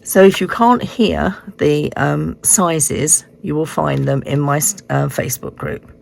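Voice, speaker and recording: Female tutorial host, hoarse and froggy after being ill, low register, casual unhurried delivery, faint room noise behind. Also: a little mellow. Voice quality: hoarse, croaky like a frog. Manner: unhurried, explaining step by step. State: croaky voice, recovering from illness. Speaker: host of a card-making tutorial. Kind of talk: casual craft demonstration. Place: indoors at a craft desk.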